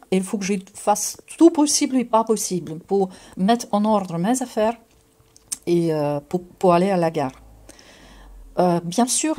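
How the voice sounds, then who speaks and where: Earnest Ukrainian woman, mellow and halting. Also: fairly low pitch. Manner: earnest, halting, many fillers and restarts. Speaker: believer giving testimony. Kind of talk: personal religious testimony.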